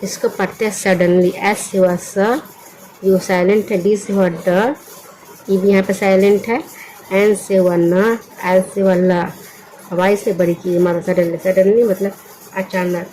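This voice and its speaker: A woman's voice: medium pitch, steady tone, measured pace, warm tone, a little hiss or hum, rough recording. A woman teaching English vocabulary. She spells each word letter by letter and asks what it makes before she says it. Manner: patient, repeats words and asks "what happened?" before giving the answer.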